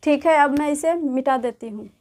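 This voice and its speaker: A woman teaching beginners to read and write, explaining patiently and repeating each word and letter slowly. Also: sits high, a little mellow. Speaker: Urdu teacher. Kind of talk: slow explanatory lesson.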